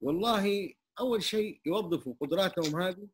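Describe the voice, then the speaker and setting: Husky older Hijazi man, quick and humble. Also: high voice. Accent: Hijazi Arabic. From Saudi Arabia. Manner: humble, emphatic, many religious phrases. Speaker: interviewee, traditional singer and muezzin. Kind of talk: open conversation. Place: neighborhood community hall.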